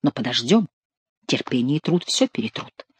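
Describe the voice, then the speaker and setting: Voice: medium pitch, very animated, moderate pace, breathy edge, no room sound. An audiobook reader voicing a baffled male jester in hiding who mutters to himself. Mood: muttering. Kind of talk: audiobook character reading.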